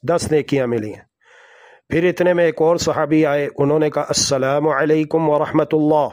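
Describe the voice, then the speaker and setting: A male preacher delivers a religious lesson slowly and deliberately, pausing between short phrases. His voice sits a little high for a man. He recites Arabic verses and speaks directly to his listeners as brothers and sisters. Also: darkish tone. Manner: slow, deliberate, with measured pauses. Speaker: Islamic preacher.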